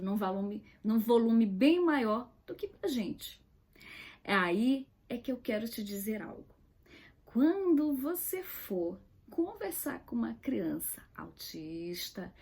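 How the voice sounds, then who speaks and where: A woman's voice: a little high, a little mellow. A woman giving an earnest teaching talk, stressing key words and dropping to a whisper now and then. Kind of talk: direct-to-camera teaching talk.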